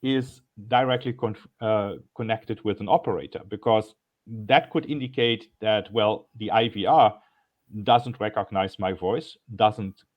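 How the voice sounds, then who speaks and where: German-accented man, lower voice. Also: measured pace, phone-quality sound. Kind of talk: panel discussion.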